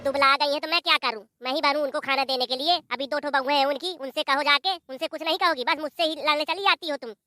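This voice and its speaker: A woman's voice: high-pitched, fast talker, hardly any pauses, bright, forceful tone, no room sound, clean studio sound, faint music behind. A woman voicing a sassy, defiant young daughter-in-law in a village cartoon, speaking with a Bundelkhandi Hindi accent. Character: sharp-tongued young daughter-in-law, phone-obsessed.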